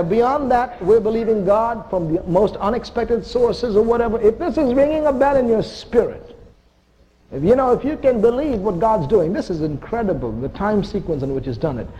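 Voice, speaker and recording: A visiting missionary preacher from India delivers a sermon in a church sanctuary, earnest and emphatic, tossing in joking asides. His voice is high-pitched and mellow, but the audio quality is poor.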